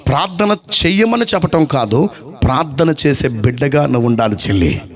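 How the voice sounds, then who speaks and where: A man's voice: medium pitch, a little fast. A man preaching a sermon, telling a story with acted-out voices and asking the congregation questions. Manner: animated storytelling, asks the crowd questions; acts out voices of story characters. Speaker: pastor.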